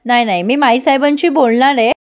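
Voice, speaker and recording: A woman voicing a gentle, selfless young bride who pleads softly. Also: high-pitched, fast talker, close to an everyday voice. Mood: gentle coaxing. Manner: soft, pleading.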